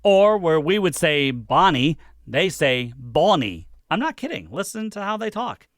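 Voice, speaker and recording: A man's voice: high-pitched, very animated, moderate pace, no echo, clean studio sound. A man of fifty with a Michigan accent tinged by Western Pennsylvania, hosting a podcast in a chatty, self-mocking way, slightly nasal. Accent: Michigan, with a touch of Western Pennsylvania. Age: 50s. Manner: chatty and self-mocking, acts out remembered talk. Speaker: podcast host. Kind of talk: casual solo commentary.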